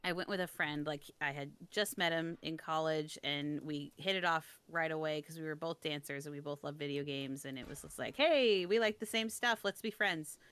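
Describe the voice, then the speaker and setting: A young woman telling a story in casual chat, self-deprecating, with frequent quick restarts. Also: low-pitched, steady tone, a bit bright, smooth.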